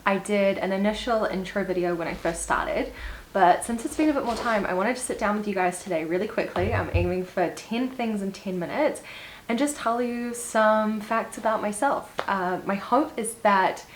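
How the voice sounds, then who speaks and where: A woman's voice: medium pitch, moderate pace, slight background noise, poor audio. A woman in her twenties with a New Zealand accent, chatting casually to camera in a get-to-know-me vlog, upbeat with small laughs. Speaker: vlogger. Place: indoors at home, seated. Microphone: small clip-on mic.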